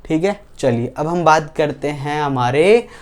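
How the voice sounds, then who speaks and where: Male grammar teacher, online lesson; slow, deliberate delivery, answers his own questions. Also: a little high, lively intonation, darkish tone. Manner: spells out English example sentences word by word.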